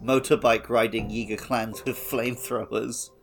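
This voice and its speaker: A man co-hosting a game playalong podcast keeps a level tone and mid-range voice as he jokes around casually at a moderate pace, all over music.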